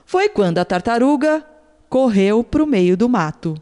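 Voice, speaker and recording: A woman narrating a children's fable in an expressive storytelling manner. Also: fairly high pitch, measured pace. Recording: long hall reverb.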